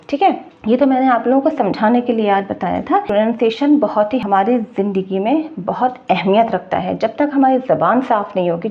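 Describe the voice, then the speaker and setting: A woman teaching an online Urdu lesson, patiently repeating words slowly, with many fillers. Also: fairly high pitch, muffled recording.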